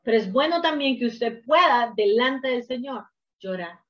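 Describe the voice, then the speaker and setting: A woman preacher delivering a sermon, emphatic, swinging from hushed to loud, on a dull lo-fi recording. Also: fairly high pitch, animated, moderate pace.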